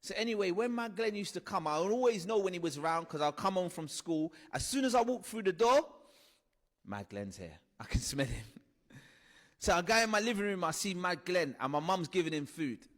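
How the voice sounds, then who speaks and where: A man gives a personal testimony talk, telling his childhood story with earnest conviction and acting out scenes as he goes. His voice is high for a man. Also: big pitch swings, a little fast, fairly bright tone, in a large hall. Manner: earnest storytelling with vivid re-enactments. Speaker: speaker sharing his life story.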